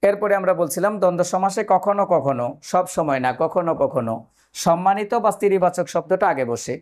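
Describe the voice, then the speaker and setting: Male tutor, fairly high voice, methodical exam-prep explainer who quizzes viewers. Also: a little fast, darkish tone. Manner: explains step by step, asks the viewers questions. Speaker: teacher. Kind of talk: exam-prep grammar lesson.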